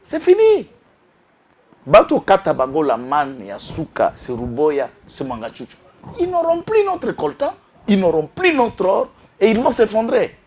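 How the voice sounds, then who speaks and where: This Congolese talk-show guest from Kinshasa has a high, darkish, breathy voice whose pitch swoops wildly, and he talks a little slowly. Fired up about politics, he alternates French with Lingala and erupts into outbursts.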